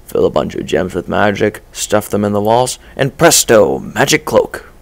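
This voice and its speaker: A man reading a dark first-person story aloud in a measured, low-key way. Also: very animated, gravelly. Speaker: story reader. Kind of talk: first-person fan-fiction narration.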